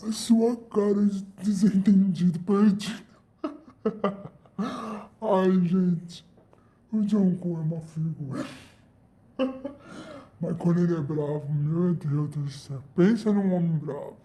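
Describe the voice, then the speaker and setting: A woman telling an acted fan role-play prank story in a dramatic way, switching between loud lines and whispered asides. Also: on the low side, steady tone, slow, pauses often.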